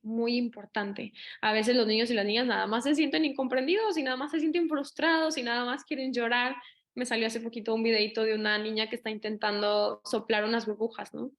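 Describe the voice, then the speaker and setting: Lively woman giving an online talk. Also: a little high. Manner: lively, acts out quoted voices. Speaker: speaker on child abuse prevention.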